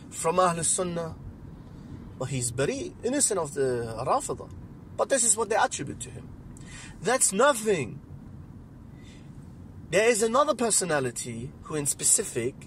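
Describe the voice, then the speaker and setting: Podcast host, man with an Iranian-born speaker's accent, religious commentary, bright forceful voice, emphatic stresses. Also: fairly high pitch, slight background noise. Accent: Iranian-born speaker raised in the West. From Iran. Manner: emphatic, with sudden loud stresses and restarts.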